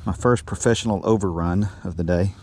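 Out on calm water in a small boat, a middle-aged fishing vlogger talks fairly quickly in a low voice, keeping the chat folksy and casual as he fishes. The sound comes from a body-worn action camera, with steady outdoor noise.

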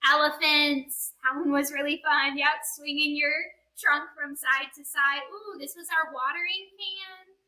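A woman's voice: sits high, steady tone, measured pace, few pauses, bright, forceful tone. A woman in her thirties talking like a kindergarten teacher, guiding young children through yoga in simple, encouraging phrases. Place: indoor yoga studio room. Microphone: camera mic a few metres away. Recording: roomy, distant camera microphone.

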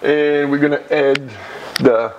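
A man's voice: on the high side, fairly even intonation, slow pace, background noise. A man in his fifties with an Italian accent, casually hosting a cooking demonstration in short, repeated phrases, recorded in a home kitchen. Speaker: cooking show host.

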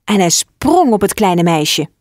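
Woman, storybook narrator, animated lively reading, dry close recording. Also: mid-range voice, measured pace, no echo.

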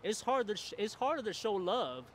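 A man's voice: high voice, big pitch swings, moderate pace, slight background noise. A man in his forties hosting a solo podcast outdoors, talking in a rambling, reflective way and saying "you know what I mean" over and over. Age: 40s. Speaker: podcast host. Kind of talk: casual solo monologue. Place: outdoors, seated in a camp chair in a river. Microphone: boom mic on a stand.

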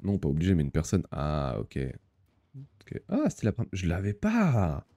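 A man's voice: deep voice, wildly swooping pitch, normal speed, dark tone. A young man chatting casually on a live stream, reading the chat aloud, laughing often and using many fillers.

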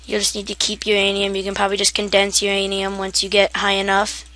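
A woman's voice: mid-range voice, monotone, fast, bright, forceful tone. A woman giving a casual, rambling game tutorial, half asleep and self-deprecating, with keyboard typing behind her. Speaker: gaming tutorial maker.

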